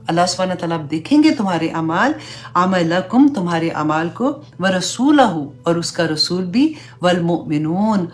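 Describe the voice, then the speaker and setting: A woman teaching an Islamic class, slowly reciting Arabic prayer phrases and then explaining each one in an earnest, conversational way with English fillers mixed in. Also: lowish voice. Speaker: religious teacher.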